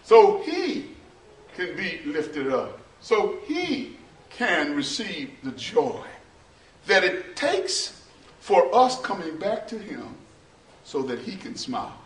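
A middle-aged male pastor preaching a sermon in a small church. He preaches slowly and builds to shouting, half-sung peaks. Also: high voice, huge pitch swings. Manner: slow, preachy, rises to shouting and half-singing. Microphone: far camera, no mic seen. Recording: roomy church echo from far off.

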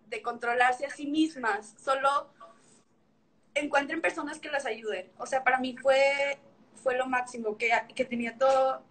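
A woman's voice: high-pitched, a bit bright. A young woman with a Mexican accent, telling her story in a casual video chat and acting out remembered dialogue. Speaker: guest, former figure skater. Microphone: video call.

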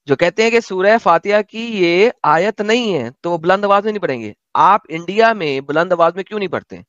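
A man's voice: sits high, expressive, fairly bright tone, dry recording. A man hosting a casual chat, reading a text aloud and breaking in with sarcastic, mocking asides. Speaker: host. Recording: dull dry lo-fi audio.

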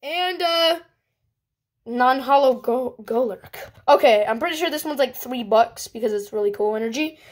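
A woman vlogging casually as she opens trading cards, chatty and excitable, swinging quickly between groans and cheers. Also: on the high side. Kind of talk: casual unboxing chat.

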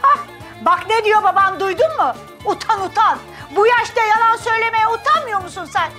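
A sharp-tongued forties mother. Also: very high-pitched, animated, fairly quick, faint music behind, heavily acted. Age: 40s. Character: sharp-tongued middle-aged woman, protective mother. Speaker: stepmother. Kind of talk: sitcom acting.

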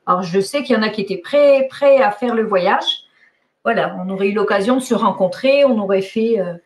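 A woman's voice: mid-range voice, a little fast. A woman co-hosting a live stream, joking and chiming in with asides and reminders. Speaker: co-host. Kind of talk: casual live stream chat.

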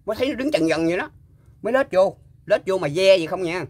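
An older man, recalling a story in casual talk and pausing often with fillers and repeated words. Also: sits high, animated, a little mellow, slightly rough, no echo. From Mekong Delta, Vietnam. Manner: halting, full of fillers and repeats. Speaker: guest storyteller. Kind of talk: casual spoken recollection.

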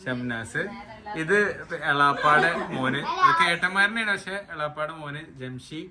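A man's voice: a little high, lively intonation, a little slow, over a noisy crowd, low-quality recording. A young man with a Malappuram Malayalam accent, vlogging in casual chat from inside a moving car and teasing with lots of questions. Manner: chatty, teasing, keeps prodding with questions. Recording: loud car road noise.

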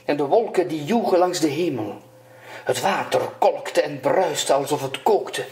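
An older man reading a fairy tale aloud as a storyteller, slow and measured. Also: on the high side, expressive, darkish tone. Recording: roomy echo.

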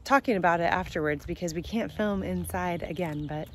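Holding her phone at arm's length on a sunny farm, a vlog host in her forties chats cheerfully, dropping in fillers. Her lowish voice moves fairly quickly, and there's slight background noise in this casual travel vlog.

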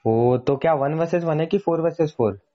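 A man's voice: on the high side, brisk, lo-fi sound, a little hiss or hum. A man hosting a gaming channel, chatting casually and pleading persistently over in-game voice chat.

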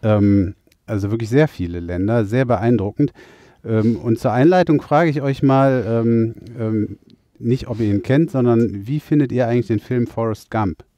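A man from the Rhineland co-hosting a casual podcast chat from inside a car, hesitant with many fillers and animated when he protests. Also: medium pitch, moderate pace, no echo, lo-fi sound. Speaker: podcast co-host. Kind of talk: casual chat among friends.

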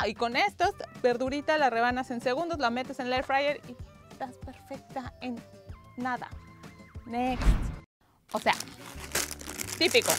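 With a high-pitched voice, a lifestyle show host in her thirties runs a playful kitchen gadget review, talking straight to camera. She's chatty and sassy, posing questions to herself and answering in asides. The bright indoor set has gadgets on a table, and a lapel mic captures her over background music.

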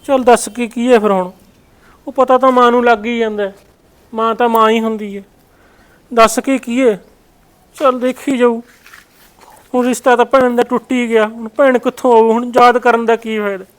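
A man's voice: very high voice, level tone, normal speed, long pauses. A man playing a sad grown son who evasively denies crying to his mother in a family short drama. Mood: sorrowful. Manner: evasive and defensive. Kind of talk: family short-video acting.

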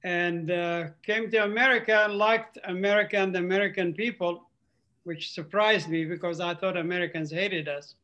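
A man's voice: high voice, steady tone, bright, forceful tone, lo-fi sound. Earnest older man. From Palestinian, raised in Saudi Arabia and Qatar. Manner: earnest, halting with frequent uhs. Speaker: ministry speaker. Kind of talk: testimony on a video call. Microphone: video call.

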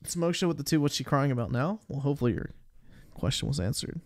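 A man's voice: mid-range voice, lively intonation, fast, no room sound, studio quality. A young man streaming live, reacting to videos with profane, slangy, scornful commentary.

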